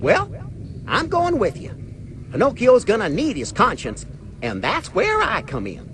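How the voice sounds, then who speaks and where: A man's voice: high-pitched, huge pitch swings, a little slow, fairly bright tone, slight background noise, full character voice. An actor voicing a small, earnest male cricket in a video game, with a folksy way of talking. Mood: resolute.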